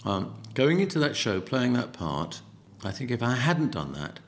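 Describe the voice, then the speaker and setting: A man's voice: medium pitch, very animated, normal speed. A middle-aged man with a Cockney accent, reflecting as an interview guest and often repeating words as he searches for them. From East End of London.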